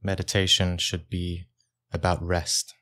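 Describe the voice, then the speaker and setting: A low-voiced man, a meditation teacher, guides a meditation calmly, using short phrases separated by long pauses.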